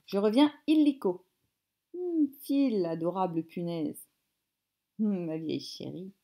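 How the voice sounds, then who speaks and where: A woman performs a comic stage play with a theatrical, unhurried delivery. Her voice is mellow and soft-edged, and she drops into hushed asides now and then. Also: medium pitch, lively intonation.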